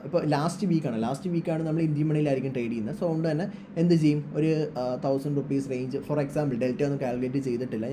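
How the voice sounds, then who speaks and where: With a fairly high voice and background noise behind him, the trading presenter teaches informally over a screen share, peppering his talk with English terms.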